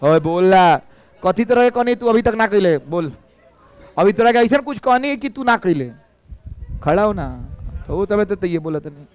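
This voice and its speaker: High-voiced Bihari teacher teasing his class. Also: lively intonation, moderate pace. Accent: Bihari Hindi. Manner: teasing, coaxing students to answer. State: hoarse from years of teaching. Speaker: physics teacher. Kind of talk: classroom physics lecture. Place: classroom with students.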